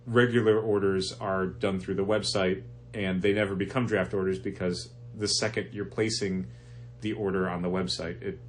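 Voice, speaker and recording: A man's voice: deep voice, level tone, moderate pace, a little hiss or hum. A man co-hosting a comic shop podcast, explaining at length with restarts, his voice stuffy from allergies. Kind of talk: casual chat.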